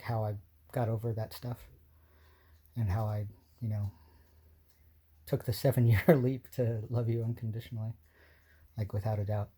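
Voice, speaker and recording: An emotional man near tears, talking to a partner in a rambling, halting way with nervous laughs and many restarts. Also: medium pitch, dark tone, slightly rough. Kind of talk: personal video message to a partner.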